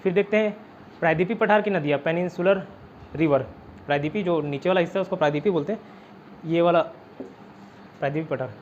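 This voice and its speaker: High voiced chhattisgarh hindi guy teaching exam prep, chatty, lots of memory tricks, kinda dull lo-fi sound. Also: fairly quick, pauses often, slight background noise. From India. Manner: chatty, repeats "theek hai", quizzes students with mnemonics. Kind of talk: online exam-prep lesson.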